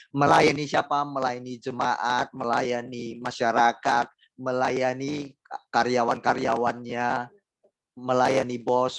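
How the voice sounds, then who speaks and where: A male pastor with an Indonesian accent delivers a sermon in a gravelly, fry-edged voice. He speaks directly to his congregation, asking rhetorical questions and repeating key phrases. The recording is dry, with no room sound. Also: medium pitch, dry recording, rough recording.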